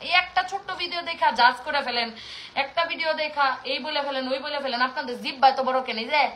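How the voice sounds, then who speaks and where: A woman's voice: high-pitched, fast talker, a bit bright, slight background noise. A woman in her thirties with a Bangladeshi Mymensingh accent, passionately scolding her viewers in a casual rant. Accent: Bangladeshi Bengali, Mymensingh. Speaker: vlogger speaking to her audience.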